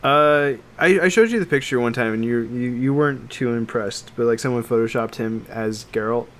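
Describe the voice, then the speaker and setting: This podcast co-host speaks at a moderate pace in a mid-range voice, gushing like an eager fan and cursing without restraint. The casual recording carries some faint noise and room tone.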